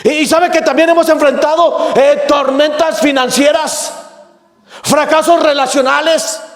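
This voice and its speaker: A male pastor with a Mexican accent preaching a sermon emphatically, repeating his opening words and breaking into shouts. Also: very high voice, steady tone, measured pace. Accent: Mexican Spanish. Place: church sanctuary. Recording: echoey church with long reverb.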